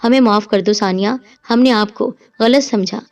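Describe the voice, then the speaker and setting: A woman's voice: medium pitch, darkish tone, distant mic, lo-fi sound, lightly acted. A woman voicing an ashamed, apologetic teacher.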